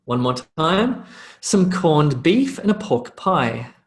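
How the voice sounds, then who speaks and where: A fairly high, sing-song voice belongs to an Australian man teaching English pronunciation in a live online lesson. He drills phrases, slows them down, and has the learner repeat.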